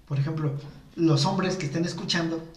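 A man's voice: fairly high pitch, fairly even intonation, normal speed, darkish tone, far from the mic. A man with a Mexican accent chatting casually on a podcast, candid and slangy, often laughing. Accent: Mexican Spanish. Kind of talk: casual chat. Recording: echoey room, a bit off-mic.

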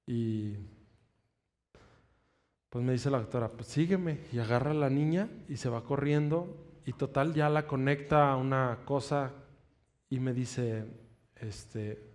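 Man, preacher, sermon testimony, earnest, emphatic drawn-out lines. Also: mid-range voice, darkish tone.

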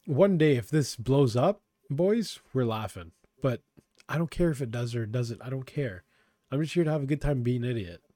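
Mellow-voiced young man, rambling and fried. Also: medium pitch, lively intonation, moderate pace, no echo, studio quality. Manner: rambling, swears a lot, laid-back. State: intoxicated. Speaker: podcast host. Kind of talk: casual chat.

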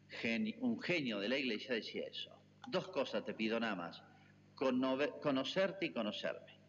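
An Argentine priest delivers a homily with a lively, rising and falling voice, turning often to his listeners. His words ring out with a long church reverb, and the recording sounds muffled and lo-fi. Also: medium pitch, a little hiss or hum. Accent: Argentine Spanish. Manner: earnest preaching, addresses the congregation directly.

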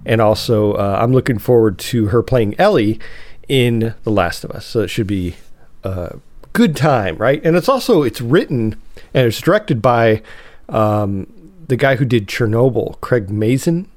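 A man's voice: mid-range voice, animated, unhurried, a little mellow, no room sound. A man hosting a solo podcast with a cold, sounding nasal, talking in a rambling, chatty way and often correcting himself. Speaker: podcast host. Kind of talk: casual solo podcast talk.

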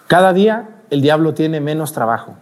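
Priest preaching at mass, slightly high voice, animated, keeps asking the crowd questions. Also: male voice, normal speed. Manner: animated, asks the congregation rhetorical questions. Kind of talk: sermon at mass.

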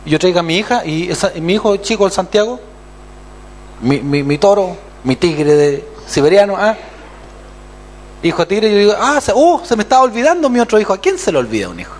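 A man's voice: sits high, brisk, slight background noise. A man with a Chilean accent preaching a sermon as pastor, acting out other voices and calling for amens. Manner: animated, acts out voices and calls for amens.

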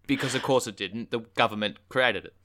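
An Australian man chatting casually as a podcast co-host, in halting phrases. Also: medium pitch, crowd noise. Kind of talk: casual chat.

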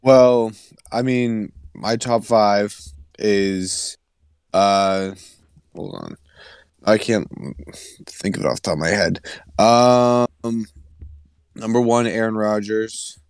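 A young man chats about football in a slow, unhurried way, often stopping to hunt for the right word and breaking into giggles. His voice is low-pitched, smooth and resonant. It is recorded close and dry, with no room sound. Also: steady tone, a little mellow, no room sound. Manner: rambling, searches for words, giggly. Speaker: podcast co-host. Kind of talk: casual sports chat.

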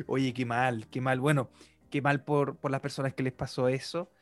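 A young man with a Chilean accent hosting a podcast, teasing his guest and laughing often. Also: mid-range voice. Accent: Chilean Spanish. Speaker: podcast host. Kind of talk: casual podcast chat.

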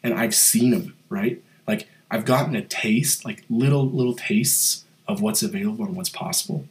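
A man hosts a podcast on his own, and his fairly low voice has a nasal tone from a cold. He speaks in a motivational, pep-talk way and often fills pauses with "like" and "um". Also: rough recording. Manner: motivational, with many fillers like "like" and "um". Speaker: podcast host. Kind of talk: solo podcast monologue.

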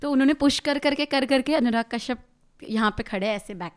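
A young woman in her twenties, a rapper guest on a podcast, telling a story in an animated, laughing way. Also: sits high, brisk. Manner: animated, laughs often, mixes Hindi and English. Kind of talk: casual storytelling chat.

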